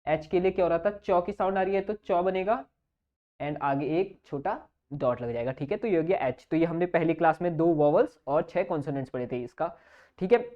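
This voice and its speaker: A man teaching a shorthand class online. He keeps asking questions and answering them himself, and he sounds out example words slowly and repeats them. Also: on the high side. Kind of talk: online exam-prep lesson. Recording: dull lo-fi recording.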